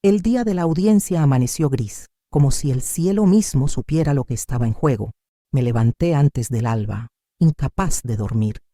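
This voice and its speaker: An older woman narrating a dramatic first-person story in an expressive way. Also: a bass voice, moderate pace, no echo, clean studio sound.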